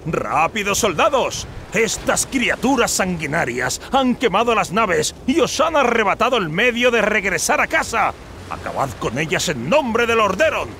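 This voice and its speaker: An actor playing a proud, determined young prince in a fantasy game, commanding and declamatory, with game sound behind him. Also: male voice, high voice, sing-song, moderate pace, vocal fry, pushed and bright, slight background noise, heavily acted. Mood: rallying. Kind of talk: scripted fantasy game acting.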